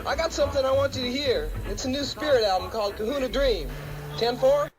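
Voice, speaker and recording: A man's voice: extremely high pitch, brisk, rough recording. A man doing a trucker "Salty Dog" over walkie-talkie. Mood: hearty. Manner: trucker CB slang, loud and punchy. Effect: over a CB walkie-talkie radio. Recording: radio chatter over music from a played album.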